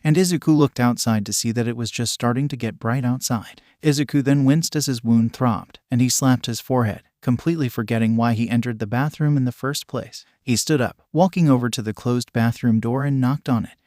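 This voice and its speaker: A man's voice: medium pitch, brisk, few pauses, a little mellow, no room sound, studio quality. A synthetic male voice reading fan fiction aloud evenly, saying ellipses out as words.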